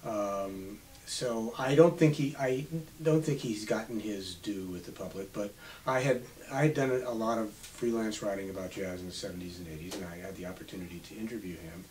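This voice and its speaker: A man in his seventies, an author being interviewed on radio, telling unhurried stories from his past. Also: on the low side, a little mellow. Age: 70s. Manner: reminiscing, unhurried storytelling. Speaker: author guest. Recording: slightly distant mic with faint hiss.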